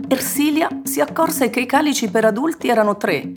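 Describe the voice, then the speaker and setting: A woman narrating a children's story in an expressive, measured reading. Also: on the high side, music in the background. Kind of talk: scripted narration.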